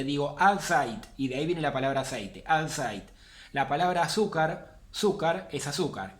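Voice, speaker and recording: Man teaching in an echoey room. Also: fairly high pitch. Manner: patient, repeats key points for emphasis. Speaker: language teacher. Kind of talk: classroom lesson.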